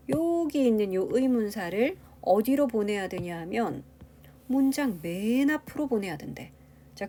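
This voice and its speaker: A woman's voice: fairly high pitch, dark tone, a little hiss or hum. A woman English teacher giving a grammar lecture, explaining step by step and asking the class rhetorical questions.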